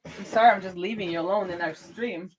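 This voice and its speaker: Speaking briskly in a mid-range voice, this livestream co-host and web developer talks casually as she works through code, musing aloud along the way. The audio is poor, with a bit of hiss or hum.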